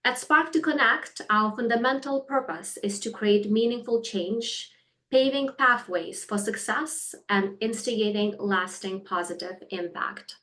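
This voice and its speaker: A woman's voice: fairly high pitch, a little slow, pushed and bright. A woman from Lithuania, a company founder, presenting a webinar over a video call in an earnest way, with many "um"s and slightly phrasing.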